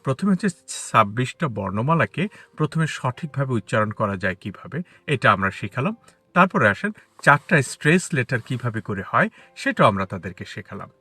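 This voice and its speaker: A man teaching English pronunciation to Bengali speakers, talking outdoors on a street and spelling out letters and sounds slowly. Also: medium pitch, sing-song, pushed and bright, breathy edge, no room sound. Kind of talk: spoken English lesson.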